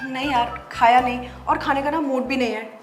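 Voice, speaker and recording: A woman's voice: high-pitched, fairly even intonation, normal speed, close to an everyday voice. An actress playing a principled woman boss who firmly scolds her staff in defense of her husband. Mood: weary. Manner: firm, scolding, reproachful. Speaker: office boss and wife. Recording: echoey room with faint music.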